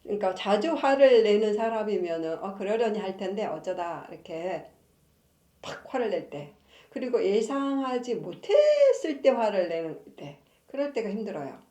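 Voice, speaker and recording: A woman's voice: mid-range voice, big pitch swings, normal speed, mellow. A woman who hosts a family-counseling channel, chatting casually about marriage and reading from her own book, laughing often between sentences. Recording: echoey room.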